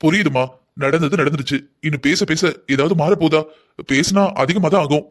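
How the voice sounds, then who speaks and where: A man playing a gentle old cartoon grandfather. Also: on the high side, natural voice. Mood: soothing. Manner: gentle, soothing, slow. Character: old grandfather, calm peacemaker. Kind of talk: cartoon voice acting.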